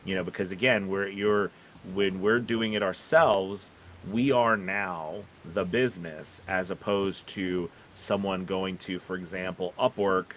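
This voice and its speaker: Rambling man hosting live, lowish voice. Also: fairly even intonation, measured pace, fairly bright tone, a little hiss or hum, poor audio. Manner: rambling, repeatedly checking in with "you know" and "right". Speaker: live show host. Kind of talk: casual live stream chat.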